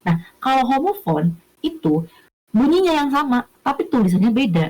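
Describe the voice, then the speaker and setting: A woman's voice: high voice, sing-song, moderate pace, a little mellow, low-quality recording. A young woman teaching a casual online lesson, chatty, stopping often to check that listeners follow and correcting herself as she goes. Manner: chatty, checks understanding with questions, self-corrects.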